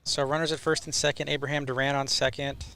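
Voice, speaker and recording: A man's voice: mid-range voice, flat delivery, fast, gravelly, background noise. A man giving live play-by-play commentary as a baseball announcer.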